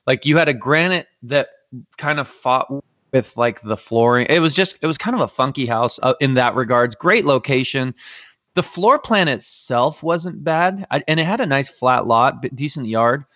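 A man co-hosting a casual podcast, chatty and animated, with frequent restarts. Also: medium pitch, normal speed, lo-fi sound. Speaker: podcast co-host, real estate agent.

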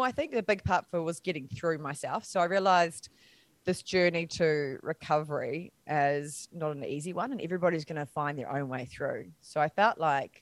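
A woman's voice: sits low, no room sound. A middle-aged woman from New Zealand, an interview guest telling her own story candidly, acting out quoted voices and laughing at herself.

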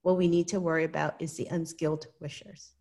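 Low and dark in tone, this woman's voice is flat in delivery and fairly quick. An interview guest from Hong Kong with a Hong Kong English accent, she answers earnestly and explanatorily, frequently checking in with "right?"

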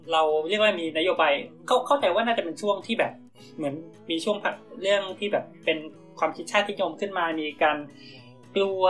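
Co-hosting a casual podcast, a man tells an improvised story in a rambling way, full of fillers and restarts. His voice is a little high, with a bright, forceful tone.

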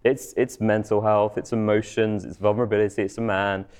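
Man, lowish voice, candid, personal storytelling, panel talk. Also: flat delivery, fairly quick, a little mellow, smooth. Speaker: panel guest. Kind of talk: panel discussion.

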